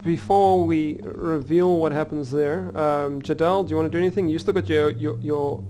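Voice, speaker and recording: A man running a tabletop game as game master, playful and quick to laugh, talking in halting restarts. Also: a little high, steady tone, background noise.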